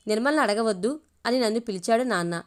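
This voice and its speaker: A woman's voice: fairly high pitch, animated, fast, lightly acted. A woman voicing a playful young woman who teases the man she loves, read in a plain storytelling voice. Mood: teasing. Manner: teasing, affectionate.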